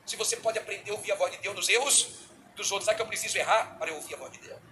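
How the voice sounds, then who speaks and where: A middle-aged man with a Brazilian Portuguese accent preaching a sermon as a bishop, animated, acting out little dialogues. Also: high-pitched, very fast, a little hiss or hum, poor audio.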